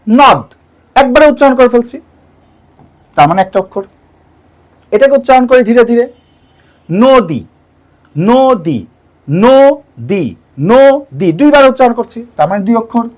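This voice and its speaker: Lively man teaching exam grammar. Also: extremely high pitch. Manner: syllable-by-syllable drawn-out demonstrations; asks rhetorical questions to the listener. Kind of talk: lecture.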